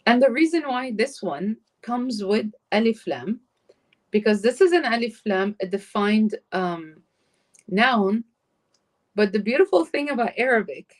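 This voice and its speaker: A woman teaching a live online Arabic class, explaining grammar patiently and switching between English and Arabic. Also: fairly high pitch. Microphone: computer mic on a live stream.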